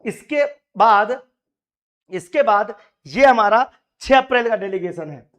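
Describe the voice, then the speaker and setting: A hoarse man, a coaching teacher and union leader, speaking straight to exam aspirants in an emphatic, rallying way and repeating his key points. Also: high-pitched, lively intonation, takes it slowly, fairly bright tone. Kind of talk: direct address to exam aspirants.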